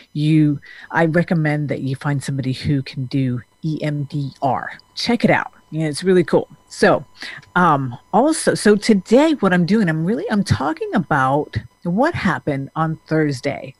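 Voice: medium pitch, no echo. Earnest, rambling therapist from Denmark. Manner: earnest, rambling, with frequent restarts and fillers. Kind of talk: casual talking-head monologue.

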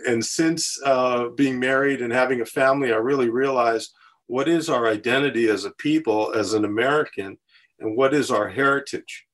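An older man talks as a podcast guest in a measured way, circling back over his phrases as he builds each point. His voice sits at a mid pitch, neither high nor low. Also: steady tone, fairly bright tone. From US West Coast. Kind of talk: conversational interview.

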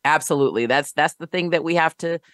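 Lower-pitched radio host woman. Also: fast, a bit bright, clear, resonant tone, no room sound, clean studio sound. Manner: earnest, repeats words while thinking. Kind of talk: radio interview chat.

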